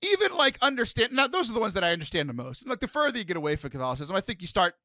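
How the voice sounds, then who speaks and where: A man's voice: sits high, sing-song, very fast, sharp tone, no echo, studio quality. A young man hosting a casual podcast chat, joking and talking with lots of fillers and restarts. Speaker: podcast host.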